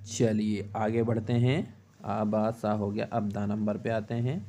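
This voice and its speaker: Mellow-voiced man teaching chemistry. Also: on the low side, a little slow, slight background noise. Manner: explains step by step, asks and answers his own questions; steady rhythm of short checks to the class. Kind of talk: exam-prep lesson.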